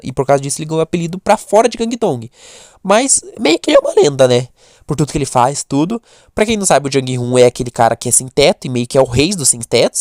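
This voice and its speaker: Young man, rapid rambling commentary, dry close sound. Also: on the high side, a little mellow, no room sound. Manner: rambling, self-correcting, lots of fillers. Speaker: commentator on webtoon characters. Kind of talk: casual talking-head commentary.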